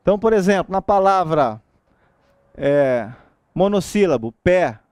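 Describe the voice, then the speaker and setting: Brazilian guy teaching exam prep, bit high voice, dry sound, keeps asking "tá?". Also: a little slow, clear, resonant tone, no room sound. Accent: Brazilian Portuguese. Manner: lively, asks rhetorical questions, frequent checks like "tá?".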